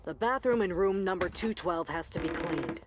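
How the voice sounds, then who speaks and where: A woman voicing a brisk, strict staff member at a girls' home, curt and businesslike, in a video game. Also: fairly low pitch, expressive, background noise, close to an everyday voice. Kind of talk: dramatic video game acting.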